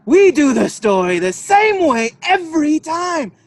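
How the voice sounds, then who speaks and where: A man's voice: extremely high pitch, sing-song, a little slow, no echo, heavily acted. Man playing a slurring, swooping drunk Big Bad Wolf. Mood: indignant. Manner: slurred, sarcastic, grumbling drunk delivery. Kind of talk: comic radio play acting.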